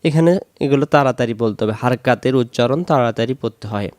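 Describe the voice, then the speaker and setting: A man teaching Quran recitation, slowly repeating syllables to drill pronunciation. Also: mid-range voice, a little mellow, dry recording, studio quality. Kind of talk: recitation lesson.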